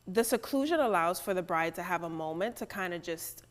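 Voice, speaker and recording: A woman's voice: lowish voice, animated, brisk. Woman talking in a reverberant room. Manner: conversational, often adds "right?". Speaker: beauty professional guest. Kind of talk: casual chat.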